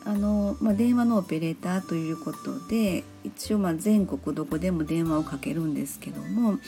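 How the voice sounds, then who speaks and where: A woman's voice: fairly low pitch, brisk, creaky, warm tone, faint music behind. A woman from Osaka with a Kansai accent, hosting a casual solo talk show in a polite, chatty way with many fillers. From Osaka, Japan. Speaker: podcast host.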